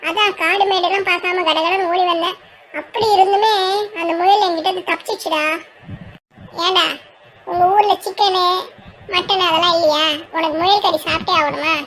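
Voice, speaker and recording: A storyteller voicing cartoon village friends in a very high sped-up voice, trading lively banter. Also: normal speed, pauses often, slight background noise.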